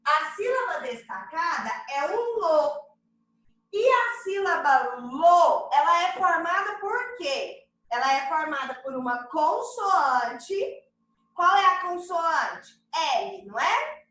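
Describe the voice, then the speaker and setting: A patient Brazilian primary school teacher, a woman with a high, bright voice, talks slowly to her young pupils. She keeps asking if they follow along and calls herself their aunt. Her voice rings a little in an echoey room. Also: big pitch swings, a little hiss or hum. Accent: Brazilian Portuguese. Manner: patient, checks understanding with the children often; refers to herself as "tia" to the kids. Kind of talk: remote lesson explaining a workbook exercise.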